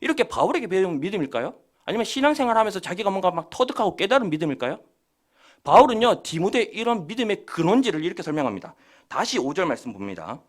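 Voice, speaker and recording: A man's voice: sits high, very animated, fast. A male pastor giving a sermon, acting out quoted prayers and boasts as he preaches.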